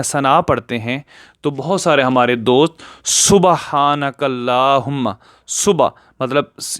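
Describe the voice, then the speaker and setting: A man giving a patient video lesson on correct prayer recitation, slowing down to draw out each Arabic word. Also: mid-range voice, clear, resonant tone, no room sound, studio quality. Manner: patient, explanatory, slows down to draw out Arabic words. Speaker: religious teacher.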